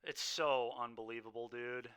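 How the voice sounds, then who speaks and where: A man's voice: mid-range voice, fairly even intonation, normal speed, bright, forceful tone, smooth. A young man streaming a card game, venting his frustration and sighing between remarks to chat.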